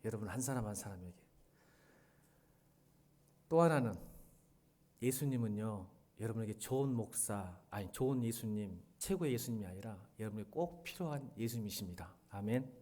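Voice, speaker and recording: A middle-aged male pastor delivers a Sunday sermon in a church. He talks to the congregation directly, shifting from quiet, earnest lines to loud, animated passages. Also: lowish voice, moderate pace. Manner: animated, swings from soft to loud when retelling a drama scene. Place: church sanctuary.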